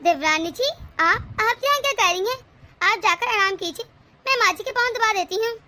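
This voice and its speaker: A woman's voice: extremely high pitch, animated, moderate pace, background noise. A woman voicing a patient, dutiful elder daughter-in-law in a cartoon, speaking politely and earnestly. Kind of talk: cartoon voice acting.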